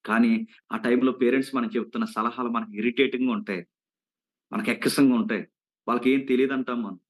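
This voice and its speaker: A man's voice: medium pitch, steady tone, fast talker, low-quality recording. A man preaching to young people, telling a cautionary story with earnest repeated warnings and questions to the listeners. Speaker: youth preacher. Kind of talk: sermon storytelling.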